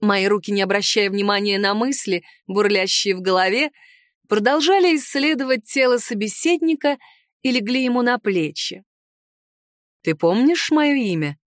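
A woman's voice: medium pitch, normal speed, fairly bright tone, dry recording. A woman reading a first-person audiobook in a playful, ironic storytelling manner, recorded close on a studio mic. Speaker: narrator.

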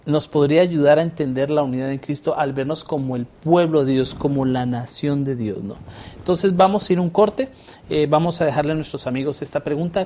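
A man hosting a relaxed Bible lesson discussion, chatting and asking leading questions. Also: a little high, slight background noise. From not from Mexico. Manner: conversational, asks leading questions. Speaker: host.

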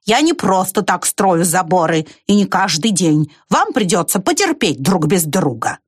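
A woman voicing a grumpy male beaver who talks slowly and grumbles. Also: on the low side, very animated, husky, dry recording, clean studio sound, heavily acted. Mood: grumbling. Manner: slow, measured and grumbling.

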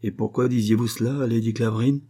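A man's voice: mid-range voice, steady tone, fast, warm tone, husky, lightly acted. A man reading the part of a hostile, imperious baronet, cold and cutting in his questions. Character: haughty, hostile baronet, middle-aged man.

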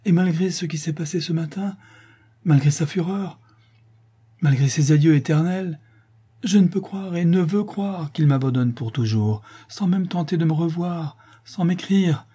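A man's voice: fairly high pitch, measured pace, warm tone, slightly rough, pitched above the performer's own voice. A man voicing a young female artist who pleads and insists anxiously, clinging to hope, in an audiobook. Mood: pleading.

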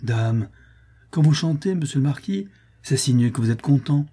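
A faithful old valet who dotes on his master, fond and easily moved to tears, as a man reading the story puts him on. The voice is dark and husky, soft-spoken and deferential. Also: medium pitch, lively intonation, moderate pace, pitched above the performer's own voice. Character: faithful old male valet, tender and doting.

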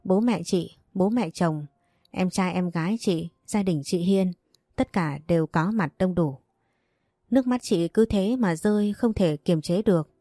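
A woman narrating a romance story in a steady, even reading voice. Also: on the low side, a little slow, no room sound, studio quality.

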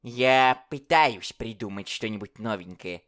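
A downtrodden court jester dwarf answers quietly and absently in a storybook reading, voiced by a man. His voice sits close to the reader's own, subdued and distracted. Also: unhurried. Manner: distracted, low-key.

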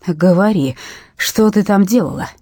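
A woman voicing an angry, abusive father who swears, shouts and sneers. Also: mid-range voice, expressive, a little slow, husky, no room sound, studio quality. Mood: shouting angrily. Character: angry abusive working-class father, man.

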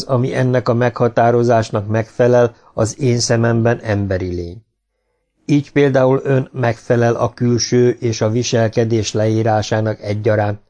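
A man reading an audiobook who voices a calm, humanlike male robot explaining things politely and logically. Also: medium pitch, close to an everyday voice.

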